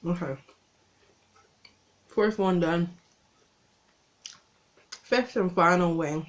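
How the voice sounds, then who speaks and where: A woman's voice: fairly low pitch, lo-fi sound. A woman vlogging casually while eating spicy wings, her lips and tongue burning as she talks into her phone. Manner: slow, breathy talk between bites, laughing at herself. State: mouth burning from spicy food. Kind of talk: casual vlog chat. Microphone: phone camera.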